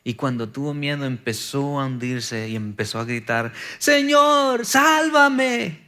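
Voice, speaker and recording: A man's voice: medium pitch, steady tone, moderate pace, a bit bright. A man preaching a sermon as pastor, building to emphatic bursts and acting out quoted prayers.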